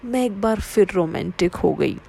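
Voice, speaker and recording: A woman reading a first-person story aloud in a steady, low-key way. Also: moderate pace, vocal fry. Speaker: narrator.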